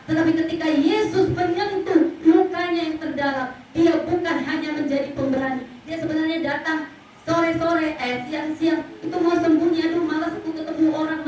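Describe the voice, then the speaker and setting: A woman pastor preaches with drama and acts out the people in her stories. Her voice is high. It rings through a big echoing hall, picked up from a distance with a faint hiss behind. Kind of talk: Easter sermon. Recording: echoey hall, mic from far off.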